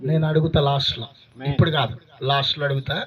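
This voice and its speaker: A man's voice: mid-range voice, steady tone, fast, slightly rough, dull audio. A man with an Andhra Pradesh Telugu accent preaching a sermon, questioning and urging his congregation. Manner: shouts and pleads with congregation. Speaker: pastor. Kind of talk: sermon with call-and-response. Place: church hall with congregation. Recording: crowd noise behind.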